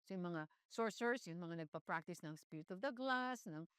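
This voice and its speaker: A middle-aged woman pastor with a Filipino accent, preaching a sermon that switches between Tagalog and English, with sudden high exclamations. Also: lively intonation, moderate pace, fairly bright tone, clean tone, no room sound, clean studio sound.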